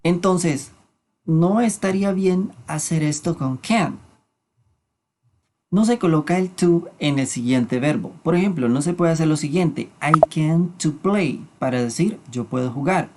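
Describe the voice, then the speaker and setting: An English teacher explaining grammar in a lesson, repeating words slowly to model pronunciation and alternating explanations with spoken examples. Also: mid-range voice, warm tone, slight background noise.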